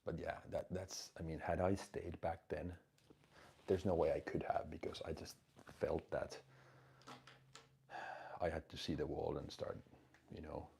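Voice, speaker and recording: A man's voice: extremely low pitch, level tone, measured pace, gravelly, long pauses, warm tone, husky. A man, hosting a live stream and answering chat questions in a direct, emphatic, blunt coaching tone. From Finland.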